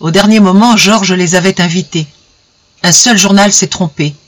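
A reader voicing a young wife in a storybook reading, hurried and faltering as she explains. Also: medium pitch, fairly bright tone, lightly acted. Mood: moved. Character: young wife, anxious and loving.

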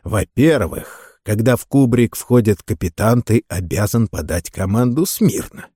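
Male reader doing strict middle-aged captain, curt commands, deceptively soft at times, storybook. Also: fairly low pitch, animated, a little slow, breathy edge, dry recording, clean studio sound. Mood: stern.

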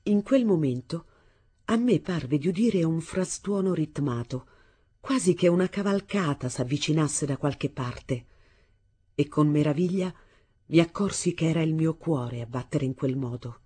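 Husky woman reading a novel aloud. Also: sits low. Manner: measured, expressive storytelling. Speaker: audiobook reader. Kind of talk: literary reading for radio.

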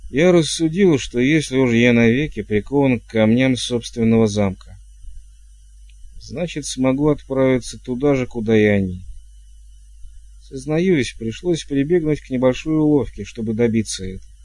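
A courtly ghost king, all ceremony and flowery phrasing, as a man reads him. The tone is dark and mellow. It is recorded close and dry, with no room around it. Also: medium pitch, moderate pace, dry recording, lightly acted. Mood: formal.

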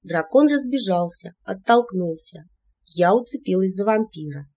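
An audiobook narrator telling a fantasy story in a lively, playful storytelling manner. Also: medium pitch, normal speed. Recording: dull lo-fi audiobook recording.

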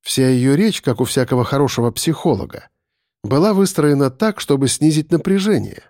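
A man narrating an audiobook in an even, measured reading. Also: medium pitch, dry recording, clean studio sound.

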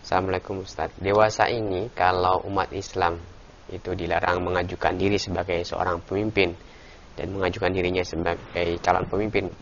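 Low-voiced male moderator, muffled audio. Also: flat delivery, fairly quick. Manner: formal, polite address. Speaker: moderator reading listener questions. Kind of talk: reading out questions. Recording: muffled lo-fi recording with faint noise.

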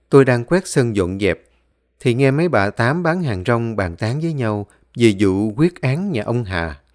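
A man reading a horror story aloud as scripted narration. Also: mid-range voice. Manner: dramatic, animated.

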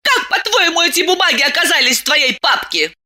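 A woman doing a shrill, venomous jealous wife. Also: big pitch swings, slow, exaggerated voice. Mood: furious. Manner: sharp, shrill, accusing.

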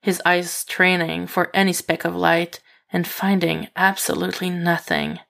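A woman reading fan fiction aloud as steady, even narration. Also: fairly low pitch, unhurried, gravelly. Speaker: reader.

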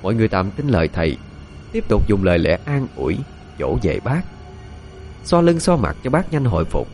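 A man narrating a ghost story in an expressive, dramatic way. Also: fairly low pitch.

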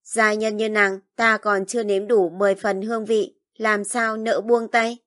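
A woman's voice: medium pitch, flat delivery, a little slow, a bit bright, close to an everyday voice. A woman voicing a proud, cold young nobleman who speaks in a cool, detached, taunting way, in audiobook narration. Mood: lazy mocking.

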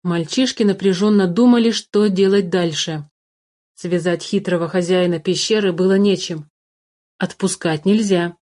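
A woman narrating a children's fantasy story aloud with a lively, expressive reading. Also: fairly low pitch, normal speed.

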